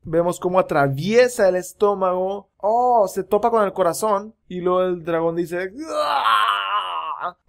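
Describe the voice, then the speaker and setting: A narrator retelling a childhood comic with dry jokes, playful sound effects and squeaky character voices. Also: moderate pace, hardly any pauses. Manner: dry asides that mock the story. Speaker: comic reader and commentator.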